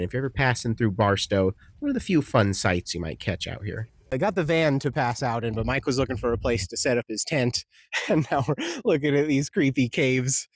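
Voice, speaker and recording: A man's voice: medium pitch, no room sound. A young man hosting a casual travel vlog, talking in a loose, chatty way and getting openly impressed by the sights. His voice sounds dry and close, with little room around it. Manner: relaxed, chatty, easily impressed. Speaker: travel vlogger. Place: desert campsite and caves outdoors.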